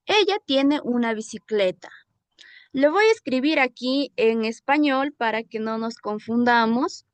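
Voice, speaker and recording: A woman's voice: on the high side, expressive, a little slow, clear, resonant tone, dry recording. A woman teaching a classroom English lesson in Spanish with a Peruvian accent, patiently repeating examples and checking that students follow. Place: school class session.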